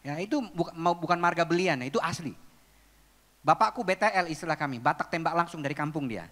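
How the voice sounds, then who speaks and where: A man preaching a sermon as a pastor, telling stories in a lively, humorous way. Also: on the high side, fast. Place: church auditorium. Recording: long reverb of a large hall.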